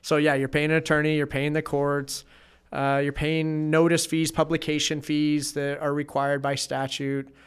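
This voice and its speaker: A man speaking as an estate planning attorney, explaining legal steps in a measured, plain-spoken way on a casual podcast. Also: fairly high pitch, little pitch movement, clear, resonant tone.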